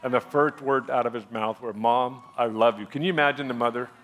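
A man in his thirties preaching from a large church stage into a headset mic. His delivery is conversational and easy, and it builds to excited emphasis while he recounts a testimony. His pitch sits in the ordinary middle range. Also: a little fast, noisy background. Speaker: pastor. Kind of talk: sermon with testimony.

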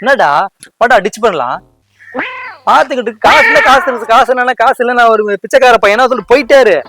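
A man's voice: very high-pitched, expressive, fast, noisy background. A man playing a drunk street rowdy in a prank. He slurs, needles his target and keeps repeating himself.

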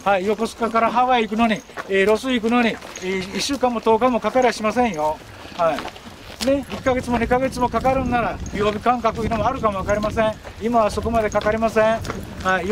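A man, giving a folksy guided-tour explanation with drawn-out fillers and anecdotes. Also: high voice. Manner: folksy, drawn-out fillers and frequent tag words. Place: open outdoor grounds. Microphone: camera a few steps away. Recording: outdoor camcorder audio with clear ambient noise.

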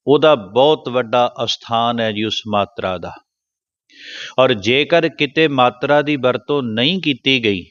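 A man's voice: mid-range voice, fairly bright tone, dry recording, lo-fi sound. Man preaching a Sikh discourse. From Punjab. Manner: chants scripture lines slowly, explains quickly in between.

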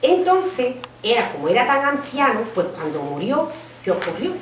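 Woman reading a fairy tale to children, animated pitch, echoey school room, far mic, faint background noise. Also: moderate pace. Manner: lively, expressive, with restarts. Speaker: parent reading aloud at school. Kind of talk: storytelling to children.

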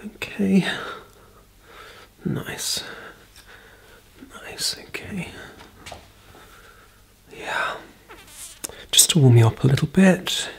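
A woman in her thirties performing a fast whispered role-play as a brisk, chatty makeup artist, murmuring softly close to the microphone. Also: lowish voice, expressive. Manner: fast, breathy ASMR whispering and soft murmuring. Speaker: ASMR performer.

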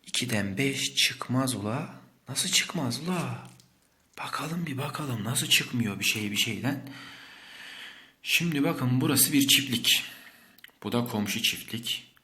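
A man teaching young children subtraction in a playful way, counting numbers slowly aloud. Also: medium pitch, lively intonation, sharp tone. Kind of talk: math lesson for young children.

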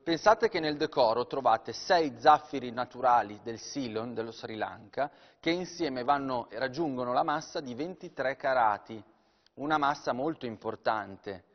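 Man, live TV auctioneer, descriptive sales patter, mid-pitched voice, long reverb, dull sound.

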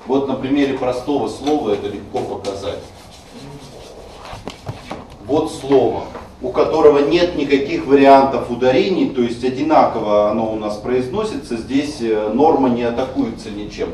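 In a screencast lecture on Russian stress, a male teacher explains pronunciation rules and demonstrates by sounding out example words aloud. His voice is medium in pitch, moderately paced and dark in tone. A distant mic makes it roomy and heavily echoed, with faint hiss underneath.

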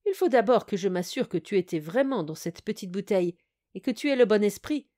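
A woman voicing a cheerful, clever young male student in an audio fairy tale, eager and quick-witted. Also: medium pitch, expressive, dark tone, lightly acted.

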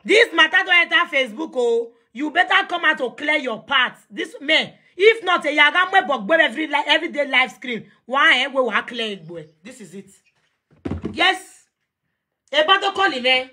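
A woman with a Nigerian accent hosting a live video call, animated and confrontational, mixing Pidgin English. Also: high voice. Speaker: talk show host.

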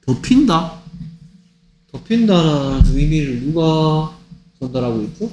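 A man's voice: a little high, animated, a little slow, background noise. A man tutoring English one-on-one, stern and drilling sentences line by line. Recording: echoey room with loud music.

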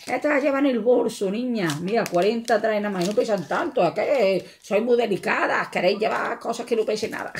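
Vlogger, Andalusian woman, slightly high voice, chatty and jokey, home recording with faint hiss. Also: brisk, hardly any pauses. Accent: Andalusian Spanish. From Andalusia, Spain. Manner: chatty, jokey, talks to viewers as friends. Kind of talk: casual shopping haul vlog. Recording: faint background noise.

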